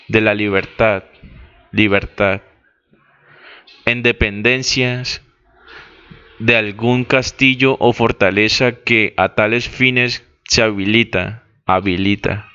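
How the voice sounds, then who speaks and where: A man reading a text aloud as dictation, deliberately spelling out words and correcting his own slips. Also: on the low side, sharp tone, clear, resonant tone. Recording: dull lo-fi recording.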